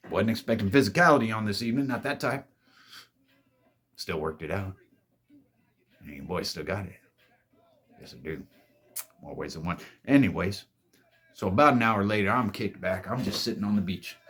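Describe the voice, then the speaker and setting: A man's voice: low-pitched, fairly bright tone, slightly rough. A man hosting his own show, telling a story in a rambling, boastful, profane way and calling his viewers "babies". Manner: laid-back, rambling delivery with self-corrections. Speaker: host. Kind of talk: storytime monologue.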